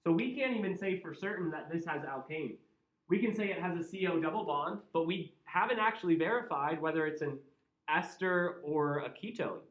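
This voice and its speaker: A man with a Midwestern American accent and a slightly high, somewhat bright voice teaches chemistry in a relaxed, joking manner, questioning his students throughout. The lecture is captured with distant, dull classroom acoustics that feel roomy.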